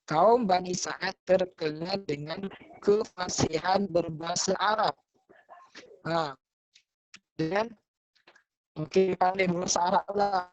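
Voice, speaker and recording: A man's voice: sits high, fairly even intonation, slow, pauses often, dry recording. A man with a Malaysian Malay accent teaches children over a video call. He goes over each point patiently, repeats it, and quizzes the class as he goes. The sound is dull, lo-fi and dry. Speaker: religious teacher. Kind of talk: online class lesson for children. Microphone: computer or phone mic on a video call.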